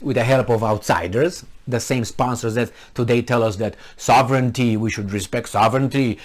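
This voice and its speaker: This man hosts a commentary channel and has a Transylvanian Romanian accent. His mid-range voice moves at a normal speed with fairly even intonation as he argues a political point through one rhetorical question after another.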